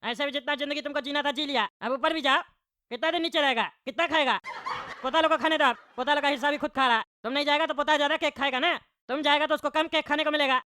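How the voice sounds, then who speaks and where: A woman's voice: sits high, fairly even intonation, fast, bright, forceful tone, no room sound. A woman voicing a boastful, rude bald male politician in a cartoon, mocking and dismissive.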